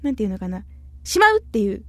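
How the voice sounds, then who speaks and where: A woman from Kumamoto, Japan, with a Kyushu accent hosts a radio chat show, reading listener messages playfully and chattily while slipping into local dialect. Her medium-pitched voice swings widely in pitch and moves fast, with no room sound.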